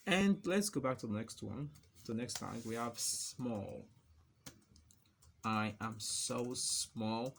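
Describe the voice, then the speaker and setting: A man's voice: mid-range voice, creaky, slight background noise. A man giving a casual, chatty coding lesson, joking and laughing at himself as he types and explains. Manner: chatty and playful, laughs at his own jokes. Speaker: coding tutor.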